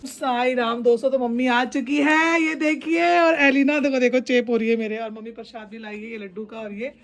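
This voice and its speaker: A woman vlogging casually at home, talking warmly to her viewers and cooing baby talk to her dog. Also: a little high, fairly even intonation, normal speed. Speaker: pet vlogger.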